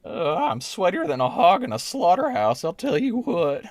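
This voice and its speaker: A man's voice: sits high, wildly swooping pitch, moderate pace, slight background noise, voice pushed up. A man voicing a folksy, practical tinkerer in a tabletop game, full of homespun sayings. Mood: wry. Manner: folksy, colorful similes. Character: tinkerer coaxing his gadget gun, folksy and practical.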